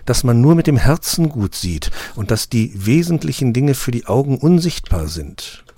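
Courtly storybook traveler guy, gentle and kind, a touch lifted voice, dry sound, read by a man. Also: mid-range voice, sing-song, moderate pace, no echo, pitched above the performer's own voice. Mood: comforting. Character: polite gallant male traveler from Earth.

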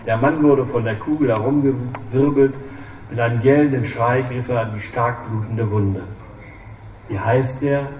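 A man reading a crime thriller aloud in steady narration. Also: medium pitch, normal speed. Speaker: audiobook reader. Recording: echoey room, distant mic, faint hiss.

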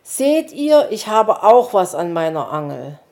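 A woman's voice: fairly high pitch, animated, a little slow, a little mellow, voice pushed up. A woman voicing a cheeky, cheerful male storybook character. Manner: cheeky, laughing. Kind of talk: storybook reading.

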